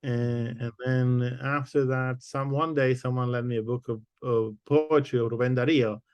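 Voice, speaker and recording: A man from the Dominican Republic, a native Spanish speaker and literature professor, answering interview questions in a thoughtful, halting way. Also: medium pitch, fairly even intonation, darkish tone, clean tone, dry recording. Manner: thoughtful, halting, many fillers and restarts. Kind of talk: interview conversation.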